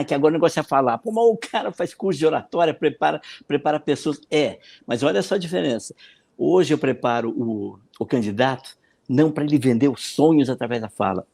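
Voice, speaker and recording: A man with a Brazilian Portuguese accent, a consultant answering questions in a podcast interview. He explains in an animated way, often repeating words and acting out the voices of the people he quotes. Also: medium pitch. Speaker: political consultant and speaking coach.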